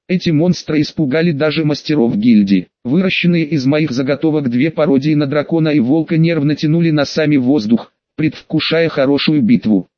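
A man reading an audiobook in a steady, measured narration. His voice sits slightly high, and the recording is dull and lo-fi. It is also very dry, with no room echo. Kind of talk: scripted narration.

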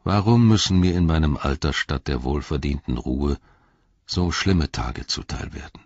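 A man reading as a weary old king, deep and husky. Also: moderate pace, no room sound, heavily acted. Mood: lamenting. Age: older. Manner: lamenting, then commanding. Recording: dull, lo-fi audiobook recording.

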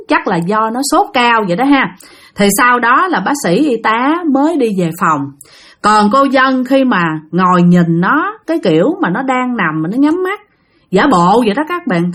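Lively Southern Vietnamese woman storyteller. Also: a little high. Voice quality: chatty, speaks directly to listeners. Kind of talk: spoken ghost-story narration.

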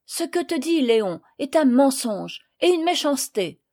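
A woman reading aloud, voicing a brave young boy who protests loudly in a storybook. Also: high-pitched, big pitch swings, normal speed, pitched above the performer's own voice. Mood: indignant.

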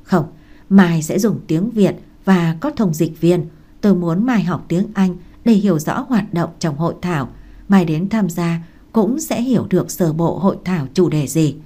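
A woman's voice: on the low side, animated, moderate pace, dark tone. A woman reading the lines of a composed young male scholar in a storybook, patient and firm as he tutors. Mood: reassuring.

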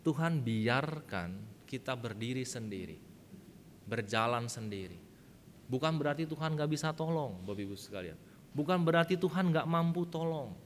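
A male pastor preaching a sermon, telling a childhood story in a lively way and often turning to address the congregation. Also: normal speed. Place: church sanctuary. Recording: reverberant church hall with faint rumble.

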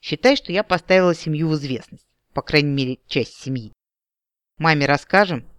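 A man's voice: a little high, fairly quick, a bit bright, clear, resonant tone, dry recording, studio quality, close to an everyday voice. A man voicing a fiery young noblewoman who stammers through a confession to her brother in an audiobook. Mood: indignant. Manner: flustered, hesitant, indignant. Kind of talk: audiobook character voice.

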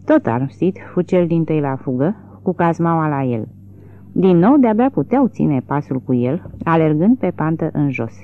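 An audiobook reader narrating a literary novel in an expressive, dramatic way, recorded with a tinny, narrow sound. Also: medium pitch, no echo.

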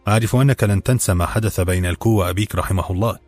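A man voicing a measured, cautious older mentor. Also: fairly low pitch, a little mellow, dry recording, soft background music, natural voice. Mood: earnest. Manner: measured, earnest advice.

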